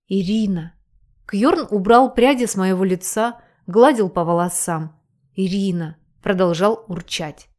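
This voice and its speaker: A woman narrates a first-person audiobook in an expressive reading voice. Her pitch sits in the middle range.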